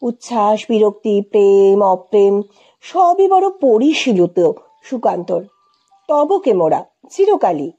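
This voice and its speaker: A woman narrating a story in a measured, expressive reading. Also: medium pitch, dull audio, soft background music.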